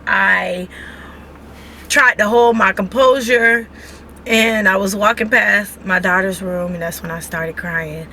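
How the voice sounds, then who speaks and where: A woman vlogging from a car, telling a story in an animated, chatty way with lots of fillers. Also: medium pitch, slow, a little hiss or hum. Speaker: vlogger, mother. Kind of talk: casual storytelling.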